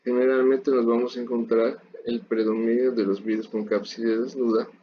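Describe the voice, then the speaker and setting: A man's voice: medium pitch, flat delivery, moderate pace. A man giving a recorded university lecture, explaining steadily and speaking directly to his students. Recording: dull lo-fi audio with faint noise.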